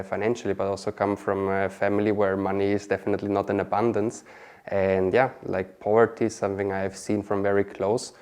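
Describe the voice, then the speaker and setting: A man's voice: fairly low pitch, darkish tone. A man from Austria, a marketing specialist chatting as an interview guest, often adding "okay?" and "you know". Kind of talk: casual interview answers.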